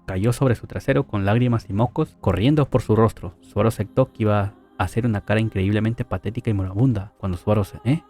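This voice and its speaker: A man's voice: on the low side, darkish tone. A man narrating a light-novel story summary in a casual, conversational way, with asides and tag questions.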